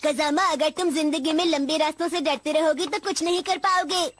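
A woman's voice: high voice, fairly even intonation, moderate pace, no echo, lightly acted. A woman voicing a cheeky, mischievous five-year-old boy in a Hindi cartoon dub, teasing and dramatic. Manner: teasing, dramatic, drawls and whines. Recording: with loud cartoon music behind.

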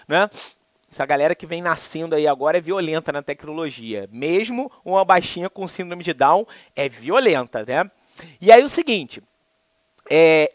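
Animated Brazilian man teaching law. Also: dry recording. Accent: Brazilian Portuguese. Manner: lively, colloquial, acts out dialogue with swings in pitch. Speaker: law lecturer. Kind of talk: animated online law lesson with anecdotes.

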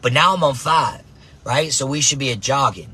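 A man coaching softball who talks in an energetic motivational monologue, tagging his points with "right?" and "man", recorded in a car. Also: mid-range voice, normal speed, breathy edge.

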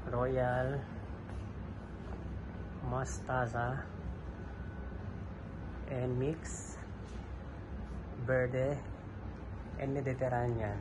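A man giving a walkthrough sales report in a large home goods store, filmed on a handheld phone, listing collections and figures with pauses. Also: mid-range voice, noisy background. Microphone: handheld phone camera.

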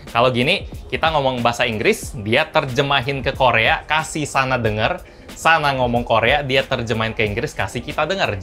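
Chatty man demoing a phone. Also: medium pitch. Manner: chatty, laughs often, animated bursts. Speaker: tech reviewer. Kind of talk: casual product demo.

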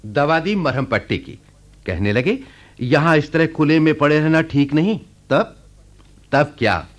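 An actor in a radio play voicing an earnest, caring reformed village laborer. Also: male voice, a little high, animated, a little slow, lo-fi sound. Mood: concerned. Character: kind reformed village laborer Sappu, man. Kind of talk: radio drama acting.

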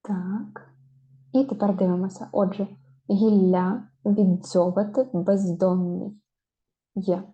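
Dark-voiced woman teaching spelling. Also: medium pitch, fairly even intonation. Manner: slow, drawn-out stressing of example words. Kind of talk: spelling lesson. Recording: dull lo-fi sound.

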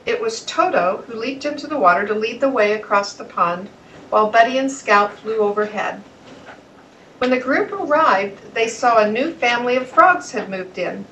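Bright woman reading a children's story. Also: a little high, lively intonation, normal speed, far from the mic, highs cut off, a little hiss or hum. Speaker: narrator. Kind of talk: children's storybook read-aloud.

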